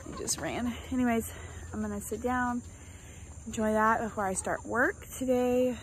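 A young woman talks casually into a phone held at arm's length, chatting to the camera and to her chickens. Her voice sits a little high. Clucking hens and yard noise come through clearly behind her. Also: fairly even intonation, normal speed. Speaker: homestead vlogger. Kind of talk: casual vlog chat. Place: backyard chicken run outdoors and home kitchen. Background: chickens clucking and roosters crowing.

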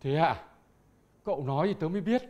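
A man's voice: fairly high pitch, animated, a little fast, darkish tone, natural voice. A man playing a cheeky, scheming street vendor who brags and chuckles in a TV comedy. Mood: boastful. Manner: boastful, chuckling.

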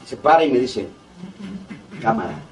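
A man's voice: medium pitch, animated, normal speed, crowd noise. A middle-aged man with a Mexico City accent giving a blunt, heavily profane recovery testimony, acting out both sides of remembered conversations. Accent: Mexico City Spanish. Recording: distant mic with faint background noise.

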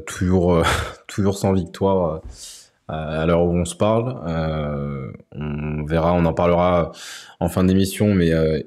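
A man co-hosting a casual streamed sports talk show, chatting in a relaxed, hesitant way. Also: sits low. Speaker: co-host of a women's basketball talk show.

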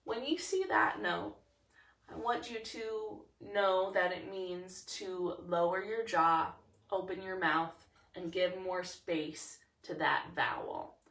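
A woman's voice: lowish voice, very animated, creaky, a bit bright, distant mic. A woman teaching a singing lesson, explaining each step and singing the lines to demonstrate. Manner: explains slowly, then demonstrates sung lines. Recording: roomy, from the mic, with ukulele.

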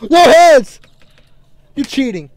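Male gamer, squeaky baby voice, drawn-out sing-song delivery, whiny. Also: sing-song, no echo. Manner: silly put-on baby voice, whiny and yelping. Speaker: let's play gamer. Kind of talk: casual gameplay banter. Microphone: webcam recording at a computer.

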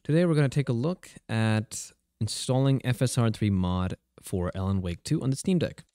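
A man giving a casual, conversational software tutorial as a voice-over, a little hesitant in his delivery. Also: mid-range voice, lively intonation, moderate pace, no echo, clean studio sound. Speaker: tutorial host.

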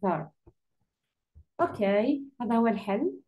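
A woman with an Algerian Arabic accent correcting an English exam for her students, patiently repeating key words slowly. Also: on the high side, big pitch swings, dull audio. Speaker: English teacher.

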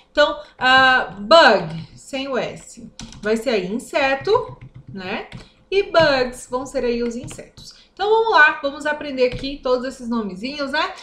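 Bright-voiced Brazilian woman teaching vocabulary. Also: high voice, roomy sound. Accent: Brazilian Portuguese. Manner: upbeat, chatty, slows down to drill English words. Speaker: English teacher. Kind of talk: online vocabulary lesson.

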